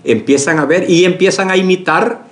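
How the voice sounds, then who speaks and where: A man's voice: high-pitched, moderate pace. A man delivering a sermon as pastor of his church. He repeats words as he reaches for each example. His voice rings with the echo of a large room.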